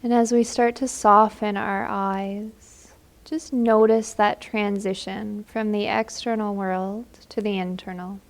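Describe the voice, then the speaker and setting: Speaking very slowly, a woman guides a meditation in a gentle, soothing way. Her mid-range, medium-pitched voice stays flat, with little rise or fall.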